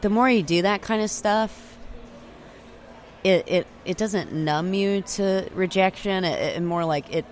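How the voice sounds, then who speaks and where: A young Austin, Texas, singer-songwriter chats as an interview guest in a medium-pitched voice, a little slow, with many fillers, frequent "like," and restarts. She was captured at a remote location on a portable handheld recorder with external mics.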